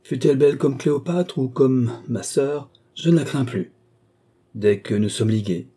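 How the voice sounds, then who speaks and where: A man's voice: medium pitch, normal speed, warm tone, husky, voice pushed up, natural voice. A man reading the part of an eager, boastful male viscount caught up in his own schemes.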